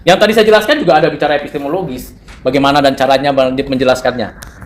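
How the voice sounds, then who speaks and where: Speaking quickly in a steady, mid-range voice, a man from North Sumatra, Indonesia, gives a conversational seminary lecture. He quizzes his students and sprinkles in English terms.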